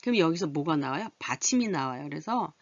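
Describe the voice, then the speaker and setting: Patient woman teaching in a lively voice. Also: low-pitched, no echo, lo-fi sound. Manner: patient, repeats and reads words aloud slowly. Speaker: literacy teacher for adult learners. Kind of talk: recorded Korean lesson.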